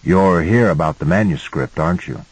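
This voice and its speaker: A man reading the part of a calm, reassuring man in his sixties in an audiobook, speaking in a hushed, urgent, then steady way. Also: low-pitched, moderate pace, husky, no echo, low-quality recording.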